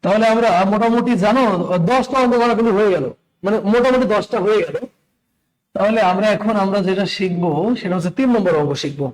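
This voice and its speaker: Here a fatigued teacher with a Bangladeshi Bengali accent leads an online math class live, quizzing listeners, repeating each step, and welcoming chat participants by name. His strained voice sits high and sounds fast, even though he is talking slowly out of tiredness. The recording is rough.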